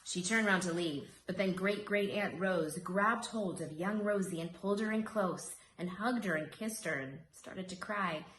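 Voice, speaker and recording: A woman reading a rhyming children's story aloud in an expressive, dramatic storytelling manner. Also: lowish voice, normal speed, few pauses. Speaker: storybook reader. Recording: roomy echo, faint background noise.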